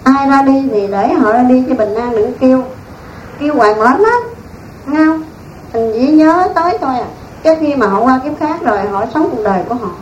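A woman's voice: high-pitched, moderate pace, lo-fi sound. A woman, a Buddhist nun giving a dharma talk in a folksy, storytelling way. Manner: folksy, animated storytelling with laughs. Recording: echoey room, distant mic, faint noise.

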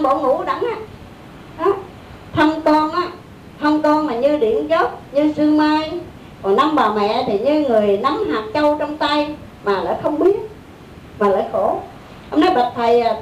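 A woman with a Southern Vietnamese accent preaching a Buddhist story in a conversational way, often saying "đó" and "á". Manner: conversational, with fillers like "đó" and "á". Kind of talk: sermon storytelling. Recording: echoey room, distant mic, faint rumble.

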